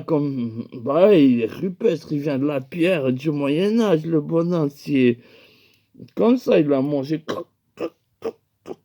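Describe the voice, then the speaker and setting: Young man, high-pitched, mellow tone, rambling comic storytelling, laughing asides. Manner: loose, rambling, laughing asides, acts out quoted voices.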